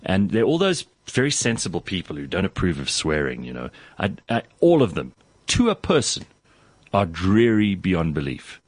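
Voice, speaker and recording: A man's voice: low-pitched, huge pitch swings, normal speed, no echo. A man hosting a show, chatting casually and teasing his co-hosts with mock outrage. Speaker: radio host. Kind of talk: casual banter.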